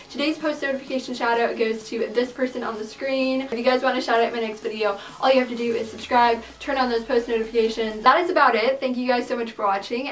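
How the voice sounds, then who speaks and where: An eighteen-year-old woman vlogging casually to camera, chatty and upbeat, full of casual fillers. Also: fairly high pitch. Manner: chatty, upbeat, lots of "like" and "I really like". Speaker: beauty and lifestyle YouTuber. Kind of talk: casual vlog talk to camera. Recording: roomy sound, mic at a distance, light music behind.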